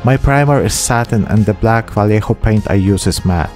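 In a small room, a man in his thirties narrates a casual, self-deprecating hobby tutorial as host of a miniature painting channel, recorded close on a desk microphone with a pop filter. His voice sits fairly low, moves at a normal speed and has a slightly mellow quality. Soft music plays in the background.

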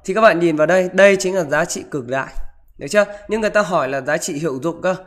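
Guy teacher going through exam answers live, kinda high voice, keeps asking if everyone's got it. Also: rapid-fire, a bit bright. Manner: keeps asking "được chưa?" and "đúng không?". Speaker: physics teacher. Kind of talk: live online exam walkthrough.

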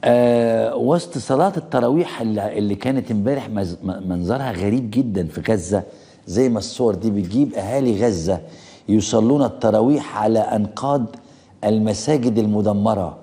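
A man's voice: lowish voice, brisk, creaky, mellow, slightly rough. A man with an Egyptian accent hosting political commentary, indignant and full of rhetorical questions. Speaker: host.

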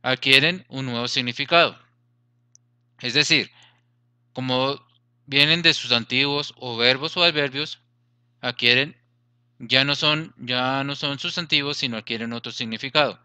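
A man's voice: medium pitch, measured pace, long pauses, bright, forceful tone, clear, resonant tone, dry recording. A man teaching a grammar lesson, explaining patiently, repeating points and checking that students follow.

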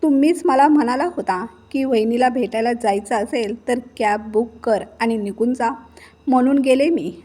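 A woman's voice: a little high, moderate pace, dark tone, lightly acted. A woman voicing an angry, frightened young wife who pleads and protests in a family quarrel. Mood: indignant. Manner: pleading and indignant.

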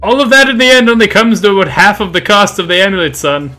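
A man's voice: high-pitched, fast talker, bright, forceful tone, soft background music, voice pushed up. A man voicing a haggling, evasive, self-interested shopkeeper of magical oddities in a tabletop game. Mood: defensive.

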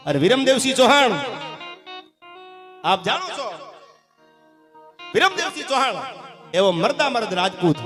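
A male Gujarati storyteller performs heroic praise poetry in a strikingly high voice. He is rousing and theatrical, hammering repeated words and couplets for emphasis. Plucked string music plays prominently behind him. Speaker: folk storyteller and singer performing live.

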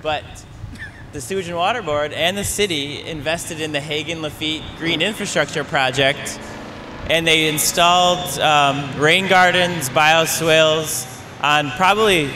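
A man's voice: a little high, unhurried, background noise. A man from the audience at a public panel discussion, speaking casually and hesitantly, with frequent fillers.

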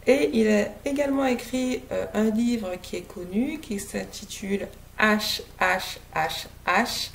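A woman's voice: medium pitch, slow pace, creaky, slight background noise. A woman from French Guiana reviewing a novel to her webcam at home, hesitant and full of filler sounds. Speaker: book reviewer. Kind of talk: casual book review to camera. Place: living room at home, indoors. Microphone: laptop webcam, seated close.

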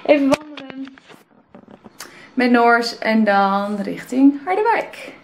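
A woman's voice: on the high side, lively intonation, slow, rough recording. A young woman with a Netherlands Dutch accent chatting casually to a handheld camera as a vlogger. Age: young adult. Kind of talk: casual vlog chat to camera. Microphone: handheld camera at arm's length. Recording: clear background noise, handheld camera.

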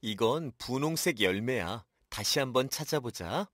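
A woman voicing a gentle, caring daddy shark in a children's cartoon, warm and fatherly. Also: rumbling low, lively intonation, moderate pace, dry recording, studio quality. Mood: concerned.

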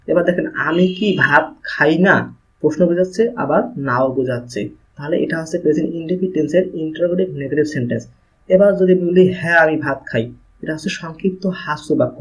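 A man's voice: fairly high pitch, slightly rough. A man with a Bangladeshi accent teaching an English grammar video lesson, explaining step by step and asking and answering his own questions. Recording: muffled lo-fi recording.

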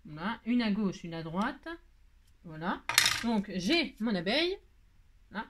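A woman hosting a casual craft tutorial, chatting to viewers in a rambling, hurried, self-mocking way with many asides. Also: medium pitch, sing-song, very noisy.

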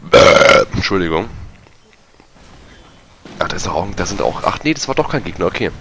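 A man giving casual, self-mocking commentary over a multiplayer match, his voice going hoarse. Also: low voice, big pitch swings, fairly quick, noisy background. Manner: chatty, self-mocking, many fillers. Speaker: gaming YouTuber. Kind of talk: casual let's-play commentary.

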